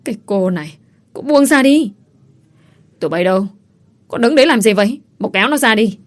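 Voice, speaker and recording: A woman voicing a haughty, quick-tempered rich young lady who snaps orders. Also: a little high, lively intonation, natural voice. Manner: sharp, commanding.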